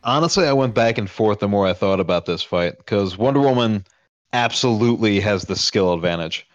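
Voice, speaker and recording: A man's voice: fairly low pitch, lively intonation, fairly quick, no room sound, lo-fi sound. A man talking casually as a podcast panelist, giving his opinions in a discussion.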